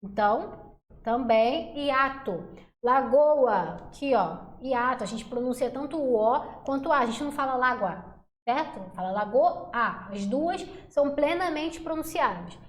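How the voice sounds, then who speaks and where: A woman teaching a Portuguese phonetics lesson for exam prep in a casual, chatty way, slowing down to sound out syllables. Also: sits high. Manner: casual, chatty, addresses class as galera and gente. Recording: roomy echo.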